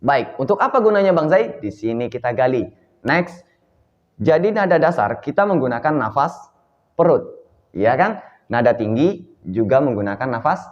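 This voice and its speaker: A man's voice: a little high, in a large hall. Guy teaching singing, voice jumps up and down a lot, sounds kinda dull and muffled. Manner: checks in often with "ya kan?" and sings short demo notes. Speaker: vocal coach. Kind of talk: vocal lesson to camera.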